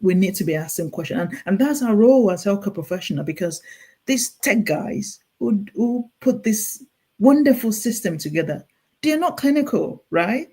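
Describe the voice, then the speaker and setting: Speaking as a guest, a clinical nurse specialist with a Nigerian accent explains earnestly and urgently, with lots of restarts and repetitions. Her medium-pitched voice is warm and husky, with lively intonation at a normal speed.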